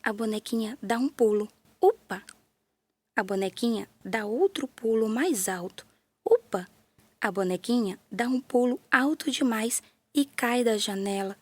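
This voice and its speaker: Gentle Brazilian woman telling a children's tale. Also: fairly high pitch, normal speed, no echo. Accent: Brazilian Portuguese. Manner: gentle, playful, with sound effects and character voices. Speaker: storyteller. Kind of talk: children's story narration.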